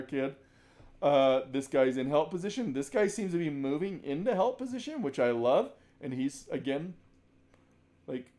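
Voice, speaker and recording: Man, basketball coach, game film breakdown, casual, restarts sentences, middle pitch. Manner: conversational, restarts sentences, shouts demo calls.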